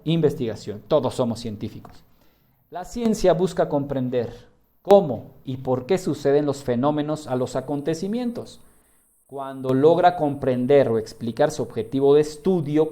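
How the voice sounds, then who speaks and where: A man teaching a live online class, lively and repetitive, asking his students questions and then answering them himself. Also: a little high. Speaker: online high school tutor.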